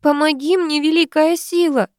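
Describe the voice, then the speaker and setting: A woman's voice: high-pitched, expressive, unhurried, darkish tone, dry recording, clean studio sound, voice pushed up. A woman voicing a young woman in labor, crying out and pleading in pain. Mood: desperate.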